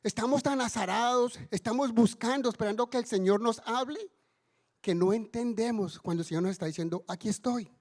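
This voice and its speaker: High-voiced male preacher. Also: brisk. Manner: tells a story and acts out voices in raised cries. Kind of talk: sermon. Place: church.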